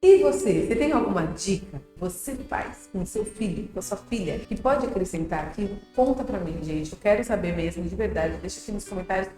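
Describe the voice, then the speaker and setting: A woman's voice: medium pitch, animated, a little fast, few pauses, mellow, soft background music. A Brazilian woman giving casual, direct parenting advice to her viewers, speaking in a chatty way. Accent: Brazilian Portuguese. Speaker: parenting educator. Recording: very echoey room with long reverb.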